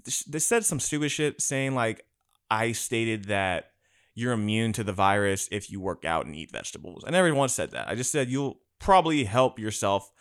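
A man co-hosting a casual chat, talking bluntly with heavy swearing and animated rants. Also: on the low side, moderate pace, clear, resonant tone.

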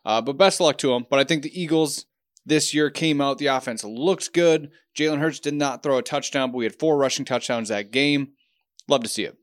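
A man co-hosting a casual football podcast, talking in a laid-back, measured way with frequent restarts. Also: mid-range voice, no echo, studio quality. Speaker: podcast co-host. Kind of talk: casual sports podcast chat.

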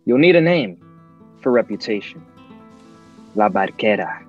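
A man playing a menacing, philosophical crime lord in an audio drama, delivering deliberate, grand speeches. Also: on the low side, animated, dull audio, soft background music. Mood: solemn, commanding.

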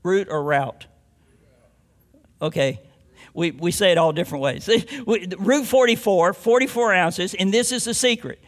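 A man's voice: high voice, lively intonation, moderate pace. A man preaching a sermon as a pastor, mixing scripture with homely stories and rising to emphatic declarations.

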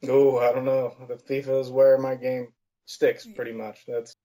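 A man's voice: medium pitch, level tone, moderate pace, mellow. A teenage American man from Pennsylvania, a film reviewer giving brief, modest answers in a casual interview. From Pennsylvania, USA. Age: teens.

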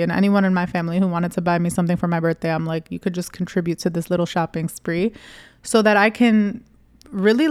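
A woman's voice: lowish voice, smooth, dry recording. A woman in her thirties hosting a podcast, talking casually and candidly to listeners with lots of "like" and self-deprecating jokes. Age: 30s. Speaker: podcast host. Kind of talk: casual solo podcast talk.

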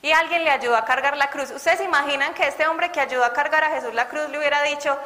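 A woman's voice: high-pitched, fairly even intonation, quick pace, sharp tone. A woman preaching an earnest sermon and asking her listeners questions. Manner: earnest, asks the audience questions. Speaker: lay preacher. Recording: long hall reverb.

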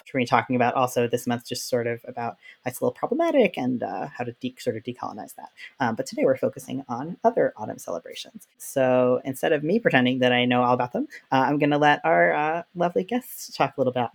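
Podcast host, fast and gravelly, chatty with lots of uhs. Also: male voice, mid-range voice. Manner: chatty, with many fillers. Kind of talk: casual podcast chat.

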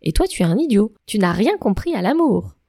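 A gruff but kind-hearted dragon from a fairy tale, scolding and lecturing an intruder, as a woman reads him. Dry, close sound with no room around it. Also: mid-range voice, very animated, brisk, dark tone, no echo. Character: protective male dragon, gruff yet kind.

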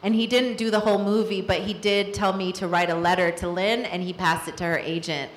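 A woman's voice: lowish voice, little pitch movement, a little fast, echoey room. A woman film director answering questions at a live Q&A, telling her story in a candid, reflective way.

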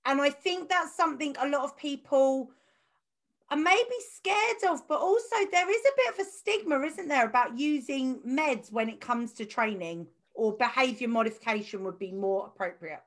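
A chatty young woman hosts a podcast in an easy, casual way. Her voice sits slightly high, and she often backs up her guest with affirming murmurs. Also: lively intonation, normal speed. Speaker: podcast host. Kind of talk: podcast interview.

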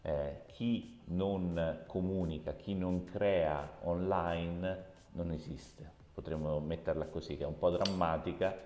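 A man, an author, answering interview questions in a reflective, measured way with a light touch of humor. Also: low-pitched, fairly even intonation, warm tone. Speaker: author and guest. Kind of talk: podcast interview. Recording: echoey room with long reverb.

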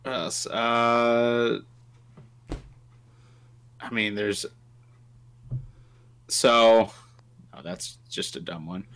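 A man's voice: mid-range voice, very slow, long pauses, fairly bright tone, clean tone. A man co-hosting a casual tabletop gaming podcast, telling stories with lots of restarts. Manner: rambling, self-interrupting storyteller. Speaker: podcast co-host. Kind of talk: casual chat.

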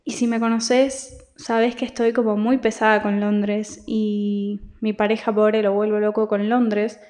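Speaking a little slowly, this young podcast host from Argentina has a mid-range, slightly mellow voice and a level tone. She talks in Argentine Spanish, confiding and rambling through a personal monologue that keeps restarting.

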